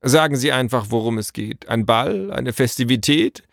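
A man voicing a sardonic middle-aged tracker and father in a storybook reading, dry and unhurried. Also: medium pitch, expressive, creaky, no room sound, voice pushed up.

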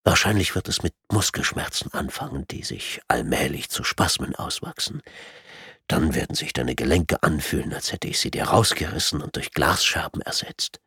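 Man whispering as a calm sadistic torturer. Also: very deep voice, breathy edge, dry recording, clean studio sound, exaggerated voice. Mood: quiet menace. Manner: soft, menacing whisper, slow and deliberate. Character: calm sadistic male torturer posing as surgeon.

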